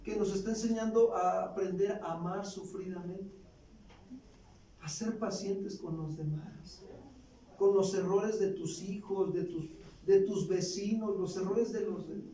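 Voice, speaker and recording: A man preaching a sermon as pastor, often pausing for the congregation to finish his sentences. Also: sits high, fairly even intonation, mellow, far from the mic. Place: church hall. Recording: echoey church, off-mic, faint hiss.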